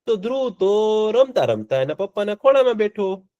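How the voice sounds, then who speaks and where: A man telling a story to children in a live class, with a lively storytelling voice that rises and falls as he stops to ask the children questions. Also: high-pitched, moderate pace, muffled recording. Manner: asks the children questions often.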